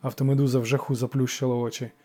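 Male audiobook narrator, dark tone. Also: medium pitch, level tone, very fast, husky.

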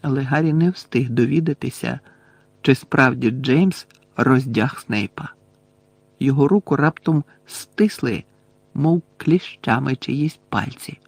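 A man reading an audiobook aloud with expressive storytelling. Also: mid-range voice, unhurried, gravelly, husky, no room sound. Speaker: audiobook narrator.

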